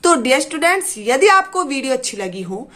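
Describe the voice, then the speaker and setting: Woman teacher, high bright voice, unhurried, asks and answers her own questions. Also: big pitch swings. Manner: asks students questions and answers them herself, calls them "beta"; keeps asking "clear?". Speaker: Hindi grammar teacher. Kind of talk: classroom grammar lesson.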